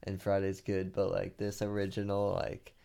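A man's voice: sits low, monotone, moderate pace, creaky, mellow, smooth. A man co-hosting a podcast in casual chat, rambling with many fillers. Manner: rambling, heavy use of "like". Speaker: podcast co-host.

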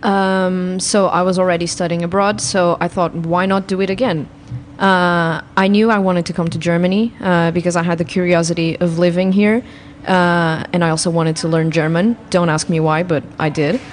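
Young woman, lowish, hesitant. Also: flat delivery, moderate pace, a little hiss or hum. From Portugal. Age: 20s. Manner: hesitant, frequent "um" and "uh". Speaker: student guest. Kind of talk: casual radio chat. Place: student radio studio.

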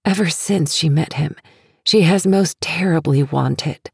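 Woman audiobook narrator, hushed and intimate, very husky, slow, dry close sound. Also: low voice, no echo. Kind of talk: scripted narration.

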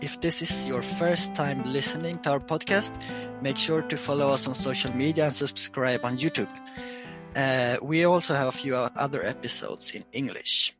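A man hosting a podcast interview, introducing his guests in a measured, slightly halting way. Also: mid-range voice, music in the background. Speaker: podcast host.

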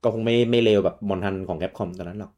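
Low-voiced Thai man reading comments. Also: fairly even intonation, brisk, dark tone. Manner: reads listener comments, laughs often. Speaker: podcast co-host. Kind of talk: casual gaming chat.

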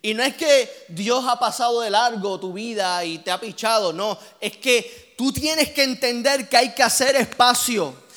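High, bright-voiced impassioned male preacher. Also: measured pace, hardly any pauses. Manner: impassioned, rhythmic repetition, swelling into near-singing. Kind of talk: sermon.

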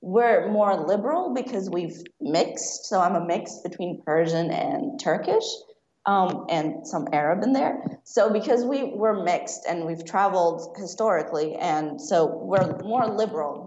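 Lively, quick-talking woman from Saudi Arabia. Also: fairly low pitch. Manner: quick, lively, laughs often while talking. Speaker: screenwriter guest. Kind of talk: conversational interview. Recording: roomy, dull sound with faint noise.

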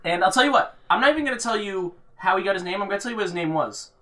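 A man hosting a podcast, chatting enthusiastically and telling a quick story to his co-host. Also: high-pitched, expressive, bright, forceful tone. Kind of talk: casual banter.

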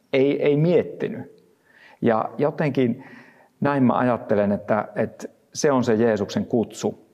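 Man with a gravelly voice in a reverberant room. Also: mid-range voice, a little mellow. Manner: thoughtful, halting, frequent restarts. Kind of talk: reflective Bible devotional talk.

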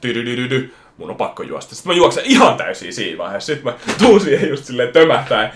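A young man casually telling a story in an animated way, acting out quotes and swearing a lot. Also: medium pitch, a little hiss or hum. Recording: echoey room.

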